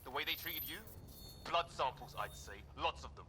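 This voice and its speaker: A man's voice: fairly high pitch, animated, normal speed, over music, close to an everyday voice. A man playing an earnest, wary young soldier in a sci-fi video game, talking informally and emphatically. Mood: wary, frank. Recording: noisy game battle ambience behind voice.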